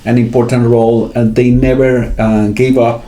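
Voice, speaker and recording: A man speaks as a podcast guest, pausing on fillers and checking in with tag questions. His tone is mellow and relaxed. The room around him is roomy and echoes. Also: mid-range voice. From Venezuela. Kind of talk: casual interview. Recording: roomy echo.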